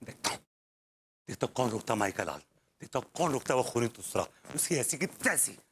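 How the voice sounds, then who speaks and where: A man's voice: medium pitch, lively intonation, a little fast, fairly bright tone. An actor playing a boastful but cowardly husband in a sitcom, swinging between bragging and dramatic, whiny pleading, mixing English phrases into his speech. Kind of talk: sitcom acting. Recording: TV sitcom with noticeable noise.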